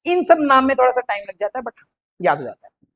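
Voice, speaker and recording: A man's voice: very high voice, very animated, a little fast, vocal fry, a bit bright. A man teaching a science lesson, chatty and playful, constantly asking questions and answering them himself. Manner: playful, chatty, mixes English terms into speech. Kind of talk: exam-prep science lecture.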